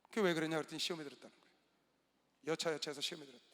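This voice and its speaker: A male pastor preaching a sermon in a large gymnasium, telling a story with sudden loud outbursts and quiet asides. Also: a little high, fairly even intonation, very fast. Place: large indoor gymnasium used as a church hall. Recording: long reverb of a large hall.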